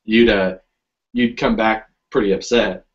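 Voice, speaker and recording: A man hosting a podcast talks in a lowish voice, rambling and leaning on "you know" as he restarts his sentences. The audio is dull and muffled, like a lo-fi podcast recording. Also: fairly even intonation, unhurried. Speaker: podcast host. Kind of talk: casual chat.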